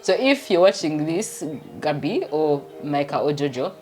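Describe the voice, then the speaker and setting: With faint music behind her, a Ugandan vlogger and doctor in her thirties talks in a very animated way, her low-pitched voice dark in tone and her pace moderate. She has a Ugandan accent, laughs often, and rambles cheerfully through casual home-vlog chat.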